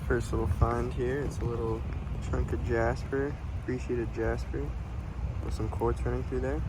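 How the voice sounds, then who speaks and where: A man's voice: mid-range voice, level tone, moderate pace. A man in a casual, slangy, laid-back outdoor vlog, talking as a rockhounding hobbyist. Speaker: rockhounding vlogger. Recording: loud outdoor ambience noise.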